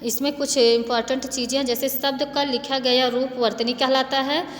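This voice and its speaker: A woman teaching a primary-school grammar lesson, patiently repeating each word slowly for young pupils. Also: sits high, flat delivery. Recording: echoey room with faint background noise.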